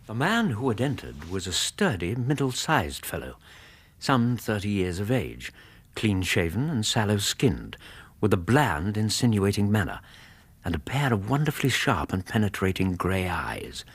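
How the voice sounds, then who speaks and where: A loyal British doctor and storyteller for a radio drama. His low voice moves through a lively range with a husky edge. He phrases like a well-read gentleman, genial and measured. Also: dry recording, heavily acted. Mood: measured storytelling. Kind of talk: radio drama narration and dialogue.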